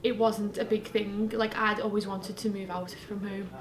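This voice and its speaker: A woman's voice: medium pitch, level tone, moderate pace, slight background noise. A woman in her twenties answering interview questions in a chatty way, full of fillers. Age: 20s. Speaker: student interviewee. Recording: echoey room with crowd chatter.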